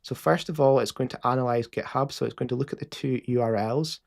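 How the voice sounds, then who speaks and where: A man's voice: mid-range voice, fast, creaky, a little mellow. A man with a Scottish accent casually explaining a live coding session as host, with frequent fillers and restarts.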